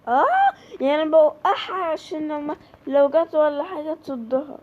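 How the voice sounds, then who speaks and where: A gaming creator with an Egyptian Arabic accent chats to her viewers during a horror game let's play, yelping when something startles her. Her voice is high and her speed normal, and the audio sounds narrow and tinny.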